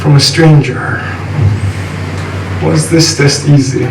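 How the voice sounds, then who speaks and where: A man's voice: fairly high pitch, fairly even intonation, slow, creaky. Young man performing spoken word poetry. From Nepal. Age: young adult. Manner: rhythmic, intense, wry. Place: live venue with an audience. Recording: echoey room from a distance, noisy.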